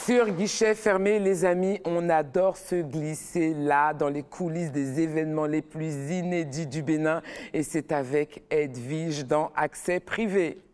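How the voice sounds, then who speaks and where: A woman's voice: deep voice, a little slow. A woman hosting a television culture magazine, presenting in an upbeat, chatty way. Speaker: TV magazine host. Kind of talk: lively studio presenting.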